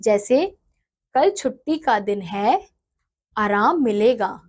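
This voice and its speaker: A woman's voice: on the high side, lively intonation, takes it slowly. A woman teacher reading from a textbook and then explaining it in her own words, often going back to repeat or correct herself. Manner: self-correcting, repeats phrases.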